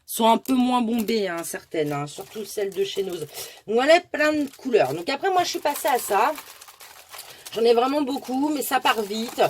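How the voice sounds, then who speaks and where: A woman with a slightly high voice walks viewers through a craft demonstration. She talks in a relaxed, chatty way, full of small asides and fillers as she explains each step. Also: normal speed, a little hiss or hum. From France. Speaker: crafting tutorial host.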